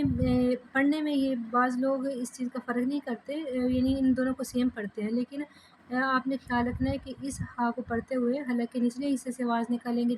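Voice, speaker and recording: A woman teaching a children's Quran reading lesson, slowly drawing out each syllable in drills between quick explanations. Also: fairly high pitch, darkish tone, slight background noise, low-quality recording. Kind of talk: step-by-step recitation lesson.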